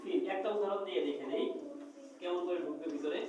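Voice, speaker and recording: A woman's voice: lowish voice, quick pace. A woman teaching a class to read the Quran, drilling her students with call-and-response questions and getting them to finish each phrase. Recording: very echoey room, mic far off, noisy.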